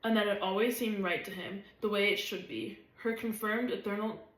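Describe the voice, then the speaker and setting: A woman reading a novel aloud, steady and even. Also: medium pitch, moderate pace. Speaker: reader. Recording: roomy echo.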